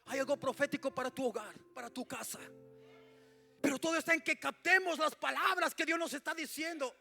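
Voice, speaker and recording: A male pastor preaches in a very high, sharp voice, swinging from shouts to quiet asides. Faint music plays behind him in the church. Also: a little fast, gravelly. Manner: swings between shouting and hushed asides, repeats "mi amado hermano". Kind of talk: sermon.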